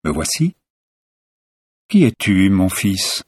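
A man voicing an elderly blind father giving a blessing, in a measured, solemn manner. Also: sits low, big pitch swings, a little mellow, husky, no echo, studio quality, heavily acted. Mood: questioning.

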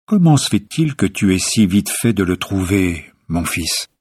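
A man voicing an elderly blind father giving a blessing, in a measured, solemn manner. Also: deep voice, big pitch swings, a little mellow, slightly rough, dry recording, full character voice. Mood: questioning.

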